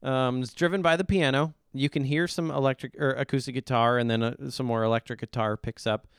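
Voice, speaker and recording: A man's voice: mid-range voice, fairly even intonation, a little fast, clean tone, dry recording, studio quality. A middle-aged man co-hosting a podcast, giving blunt, opinionated song reviews in casual chat. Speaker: podcast co-host reviewing songs.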